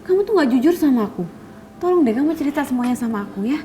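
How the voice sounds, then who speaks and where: A woman's voice: high voice, expressive, rapid-fire, mellow, slight background noise. An actress playing a young woman who insistently demands the truth from her boyfriend in a TV drama. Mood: pressing. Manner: insistent, pressing questions. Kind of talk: TV soap drama acting.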